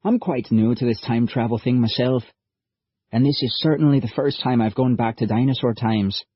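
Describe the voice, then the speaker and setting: A husky-voiced man voicing an earnest young male time-traveller who talks in a lively, folksy way. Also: medium pitch, normal speed, no echo, close to an everyday voice. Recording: dull lo-fi audiobook recording.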